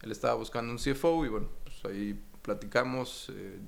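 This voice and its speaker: Gravelly Mexican man in his forties. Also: mid-range voice, brisk. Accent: Mexican Spanish. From Mexico City. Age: 40s. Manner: relaxed, rambling with many fillers and tag questions. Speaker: guest, finance executive. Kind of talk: casual interview talk.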